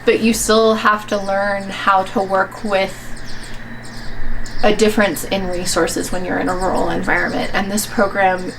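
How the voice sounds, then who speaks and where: A woman's voice: medium pitch, flat delivery, a little slow, creaky, noisy background. A woman from Alaska, a medical resident, giving an earnest promotional testimonial with frequent "like" fillers.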